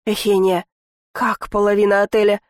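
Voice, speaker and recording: A woman voicing a proper, restrained young count who keeps groaning and pleading with exasperation, read close and dry in an audiobook. The voice stays near the reader's own middle register, with drawn-out, slowed phrasing. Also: medium pitch, flat delivery, dry recording, lightly acted. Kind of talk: audiobook character reading.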